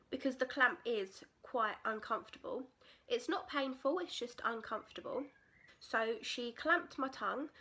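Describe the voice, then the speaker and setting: A woman's voice: on the high side, sharp tone. A British woman in her twenties telling a personal story in a casual, candid, chatty vlog style. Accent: British English. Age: 20s. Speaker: vlogger.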